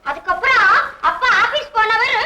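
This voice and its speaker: An actress playing a chatty, excitable aunt who exclaims often and laughs even while telling sad news, in an old film with a noisy soundtrack. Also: female voice, very high-pitched, moderate pace, reverberant, heavily acted. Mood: gossipy. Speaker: visiting aunt.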